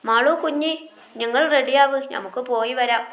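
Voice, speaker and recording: A woman's voice: high-pitched, normal speed, echoey room, voice pushed up. A woman voicing an emotional young bride, reading a story aloud. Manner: soft, emotional.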